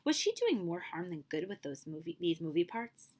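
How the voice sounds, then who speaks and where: A librarian with a lowish voice reads aloud from a picture book at normal speed, holding a steady storytelling pace. She sometimes pauses to speak briefly to those listening.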